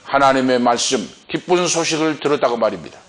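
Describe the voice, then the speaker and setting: A man's voice: animated, a little fast. A middle-aged man pastor preaching a sermon, retelling a story with dramatic swings of voice as he acts out the cries. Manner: dramatic storytelling, acting out cries and quotes with swings in pitch and loudness.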